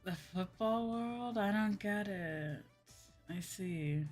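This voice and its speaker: Taking things slowly, a woman with a medium-pitched, slightly mellow voice hosts a livestream as a virtual streamer. She chats with viewers in a rambling, think-aloud way, circling back over what she's said, as background music plays.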